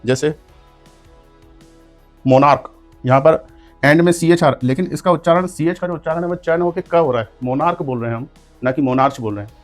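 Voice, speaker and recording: A man's voice: fairly high pitch, fairly quick, pauses often, faint music behind. A man teaching an English grammar lesson in Hindi, explaining rules step by step and spelling words out letter by letter. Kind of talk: classroom lesson.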